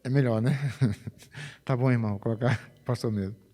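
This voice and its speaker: A pastor, preaching a chatty, conversational sermon. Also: male voice, medium pitch, normal speed. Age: 50s. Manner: chatty, animated, peppers phrases with "né?". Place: church sanctuary. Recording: reverberant church hall.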